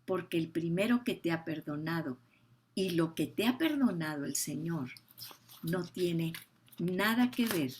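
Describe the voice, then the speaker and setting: A woman's voice: sits low, a little mellow. An older woman, teaching the Bible with emphasis, repeating key phrases and asking her listeners questions.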